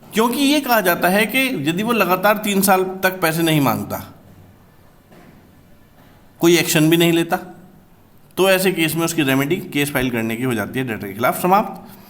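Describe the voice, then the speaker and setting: A man teaching a commerce law class, explaining step by step and slowly repeating key terms, with terms. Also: a little high, animated, a bit bright.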